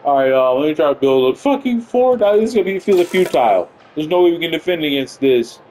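A man giving excitable, profane live commentary while playing a video game. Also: on the high side, quick pace, slight background noise, poor audio. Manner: excitable, profane, swings between panic and triumph. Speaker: gaming channel host. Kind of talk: live let's-play commentary.

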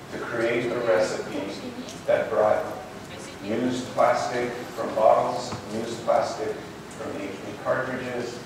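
A man on stage giving a conference keynote in a hotel ballroom, friendly and loose with frequent fillers. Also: fairly low pitch. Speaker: program manager giving a keynote. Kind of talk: conference presentation. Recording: echoey ballroom from far off with hiss.

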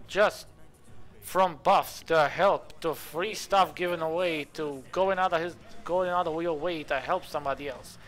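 Excitable swearing gaming streamer, man. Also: a little high. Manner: excitable, swears, reacts loudly to chat.

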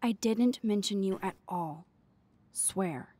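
Earnest American teen girl, soft dark tone, hesitant, dry recording, video game drama. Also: medium pitch, slow pace, dry recording. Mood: uneasy. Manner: hesitant, sincere. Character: soft, earnest, awkward teenage schoolgirl.

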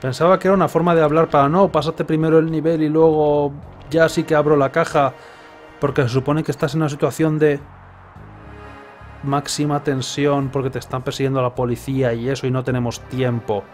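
A video game streamer in his thirties with an accent from Spain gives casual, sarcastic, rambling commentary during live gameplay. His voice sits on the high side, brisk and fairly flat in pitch, recorded indoors at his streaming setup with game music and effects behind him.

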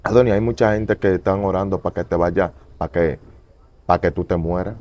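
A man in an interview giving a fervent, repetitive testimony, moving between loud pleading and low murmurs. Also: normal speed, lo-fi sound. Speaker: evangelist guest.

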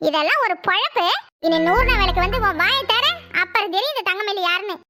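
A woman voicing a sharp-tongued, quarrelsome middle-aged village woman in a cartoon, taunting and scolding. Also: very high-pitched, lively intonation, fast, over music. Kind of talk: cartoon voice acting.

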